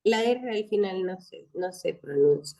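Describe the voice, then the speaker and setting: A woman's voice: medium pitch, animated, unhurried, mellow, low-quality recording. A woman student in a language class, tentatively repeating forms back to her teacher.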